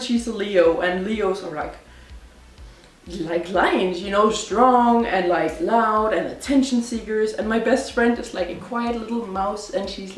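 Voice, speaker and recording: A chatty young woman in her 20s, a vlogger, rambles through a casual chat indoors at home, full of fillers and self-corrections. Her mid-range voice sounds far from the mic in an echoey room.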